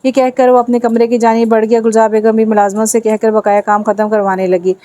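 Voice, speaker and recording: A woman narrating a novel in a steady, even read. Her voice sits slightly high but dark and mellow, with little melody, and the recording is dry and close. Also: dry recording. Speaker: audiobook narrator. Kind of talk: novel reading aloud.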